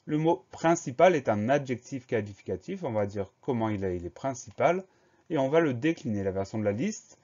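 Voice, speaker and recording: A male teacher giving a spelling lesson for primary pupils, spelling words out slowly letter by letter. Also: medium pitch, darkish tone. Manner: slow, careful letter-by-letter spelling. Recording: slightly dull lo-fi recording.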